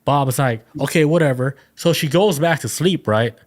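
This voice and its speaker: A man's voice: on the high side, normal speed. A man co-hosting a podcast, telling a story in casual chat, full of "like" and acted-out voices. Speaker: podcast co-host.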